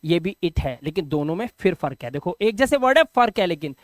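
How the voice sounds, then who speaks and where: A man teaching English vocabulary in a video lesson. He repeats each word, keeps asking if his students follow, and pushes in loud, encouraging bursts. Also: high voice, brisk, dry recording, clean studio sound. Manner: drills words, repeats them, keeps asking "ठीक है?"; animated and encouraging, with sudden loud emphasis.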